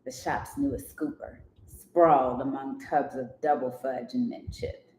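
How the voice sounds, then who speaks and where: A woman's voice: a bass voice, a little slow, roomy sound, slight background noise, poor audio. A woman from Maryland reading a story aloud and breaking off to joke and critique it. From Columbia, Maryland. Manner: animated, joking, interrupts to critique. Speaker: podcast co-host.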